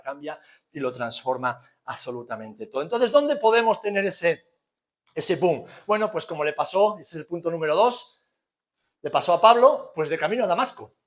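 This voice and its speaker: A pastor from Spain, speaking with a Spanish accent, preaches a conversational sermon full of rhetorical questions, emphatic repetition and colloquial humour. His voice is a little high.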